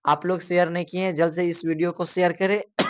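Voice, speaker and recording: A man's voice: high voice, little pitch movement, moderate pace, no echo. Teacher man drilling exam questions. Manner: repeats questions, asks viewers to answer.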